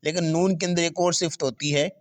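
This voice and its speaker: Casual guy teaching quran pronunciation, kinda high voice, drags out letters when drilling. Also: steady tone. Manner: explains step by step, drawing out letters slowly in drills; mixes English terms into his explanations. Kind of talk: tajweed lesson with spoken drills.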